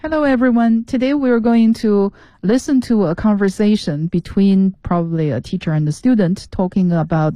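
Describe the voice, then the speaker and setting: A woman's voice: medium pitch, warm tone, no room sound. A woman teaching an English lesson on the radio, explaining words patiently and mixing English terms into her talk.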